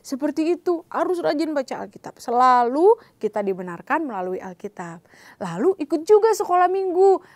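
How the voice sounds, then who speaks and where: A woman teaching Sunday school, telling a Bible story to children in a lively way and acting out the characters' lines. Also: high-pitched, dry recording.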